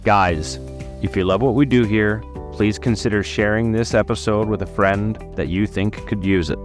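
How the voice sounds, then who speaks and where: Deep-voiced man co-hosting a podcast. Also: steady tone, normal speed, soft background music. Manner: friendly, encouraging. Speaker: podcast co-host. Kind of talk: casual podcast chat.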